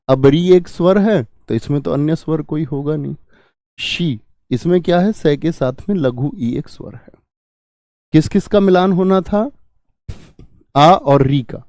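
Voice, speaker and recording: A young man with a slightly high, mellow voice, recorded close and dry. He teaches a grammar lesson step by step, putting questions to his viewers and answering them himself, in a friendly tone. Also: no echo. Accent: Hindi.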